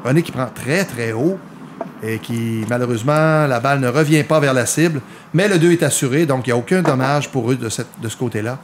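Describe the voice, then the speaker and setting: A man's voice: medium pitch, brisk, a little hiss or hum. A man with a Quebec French accent giving live golf commentary on a mini-golf match, explaining the play to viewers.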